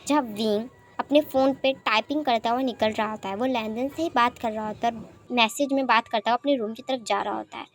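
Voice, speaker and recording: A woman narrating a romance fan fiction story, chatty and expressive. Her voice sits on the high side, and she talks the listener through each scene. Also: brisk.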